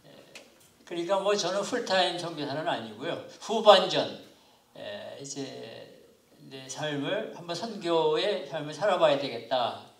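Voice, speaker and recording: Heard from across a reverberant church classroom, a man in his seventies with a rough, gravelly voice set slightly high gives a lecture to lay students. He talks unhurriedly and politely, pausing often between phrases. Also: expressive. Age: 70s. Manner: unhurried, halting, polite formal speech. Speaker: pastor teaching a missions class. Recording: echoey room, far from mic.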